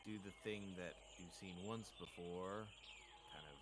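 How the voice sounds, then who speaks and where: Deep-voiced man, noisy recording. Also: a little slow. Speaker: player. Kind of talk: casual tabletop play. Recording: loud background noise.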